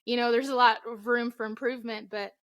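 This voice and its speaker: A woman's voice: fairly high pitch, flat delivery, fairly quick, no echo. A young woman from the Philippines, raised in Florida, answering interview questions earnestly with frequent ums. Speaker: indie singer-songwriter guest.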